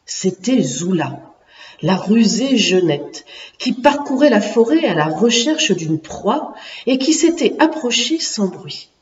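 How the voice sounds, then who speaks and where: A woman narrating a children's storybook in an expressive, lively storytelling manner. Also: medium pitch, slow pace. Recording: echoey room, distant muffled mic.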